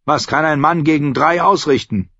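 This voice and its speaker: A man's voice: on the high side, moderate pace, pushed and bright, no room sound, highs cut off, voice pushed up. A man voicing a grumpy, quarrelsome middle-aged man who scolds and accuses the others. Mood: indignant. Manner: angry, scolding.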